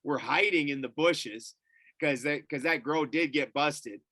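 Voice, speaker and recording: A man's voice: a little high, unhurried, no room sound. A middle-aged man telling a story as a podcast guest, casually and with a lot of swearing. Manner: profane, animated storyteller.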